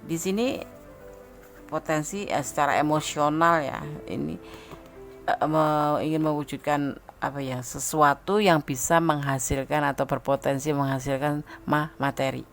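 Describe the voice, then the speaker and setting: A slightly hoarse woman, chatting casually as she gives a tarot reading, thinking aloud with fillers and restarts. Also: deep voice, normal speed, soft background music. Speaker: tarot reader.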